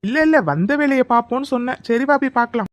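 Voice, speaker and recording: A friendly young man from a cartoon, voiced by a woman, always joking with his buddy. He talks fast in a somewhat high voice, recorded dry and close. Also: no room sound, natural voice. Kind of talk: cartoon dialogue.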